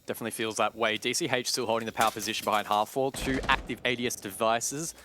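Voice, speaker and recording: An esports analyst caster gives analytical color commentary on a competitive shooter match in a quick-paced, mid-range voice, with music in the background. His tactical explanation is steady and detailed, with occasional self-corrections.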